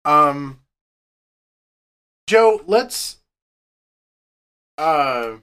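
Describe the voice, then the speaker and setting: A man's voice: on the high side, very slow, clean tone. A man co-hosting a casual podcast, ranting with heavy swearing. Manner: profane, ranting, animated. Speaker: podcast co-host.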